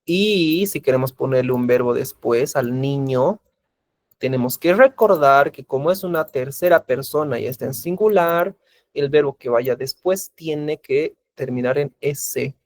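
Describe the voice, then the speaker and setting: A man's voice: medium pitch, unhurried, a little mellow, dry recording. A man teaching an English class, patiently repeating examples and asking his students questions. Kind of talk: recorded class lecture in Spanish.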